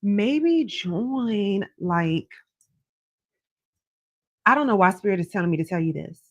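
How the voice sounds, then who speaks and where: A woman's voice: mid-range voice, lively intonation, takes it slowly, dry recording, dull audio. Effusive woman psychic hotline host, dry sound. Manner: effusive greetings and thanks, familiar address. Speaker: psychic tarot reader hosting a live call-in. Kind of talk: psychic hotline live reading, conversational.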